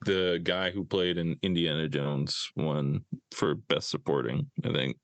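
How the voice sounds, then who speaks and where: Male podcast co-host, very low voice, dry close sound, easygoing short remarks. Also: little pitch movement, unhurried, no room sound. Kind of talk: casual chat.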